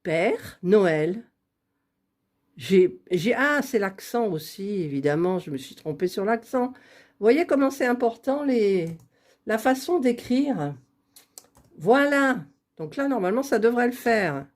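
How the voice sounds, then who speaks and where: A woman's voice: medium pitch, expressive, takes it slowly, a little mellow. A woman chatting casually while drawing giveaway winners on a computer, laughing at her own fumbling. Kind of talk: casual screen-recorded vlog.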